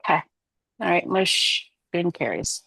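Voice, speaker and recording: A woman's voice: lowish voice, sing-song, slow pace, creaky, sharp tone, husky, no room sound. A woman chairing a committee meeting over a video call, congested, casual and polite with many fillers. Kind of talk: running a virtual meeting.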